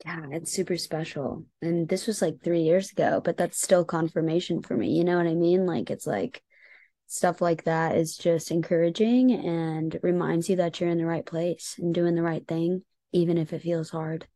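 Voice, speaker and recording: A woman's voice: fairly low pitch, little pitch movement, normal speed, warm tone. A woman with an American accent talking casually and earnestly as an interview guest, reflective, often dropping in "like" and "you know". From United States. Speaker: interview guest, singer-songwriter.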